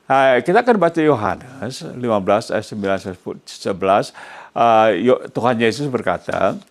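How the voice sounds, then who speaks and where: A man's voice: lowish voice, lively intonation, normal speed. A male pastor preaching a sermon who keeps quizzing his congregation mid-sentence and drops English phrases into his emphatic preaching.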